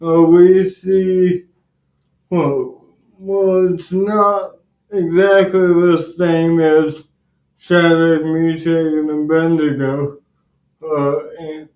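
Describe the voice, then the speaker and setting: A man teaching a casual Bible lesson to teens, halting, with many fillers and restarts. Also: a little high, level tone, a little mellow. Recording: roomy, dull lo-fi livestream audio.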